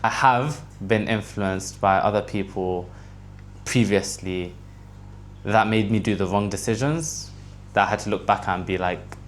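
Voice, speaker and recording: Man, 20, lower voice, candid and reflective interviewee. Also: measured pace, slight background noise. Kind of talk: casual interview answers.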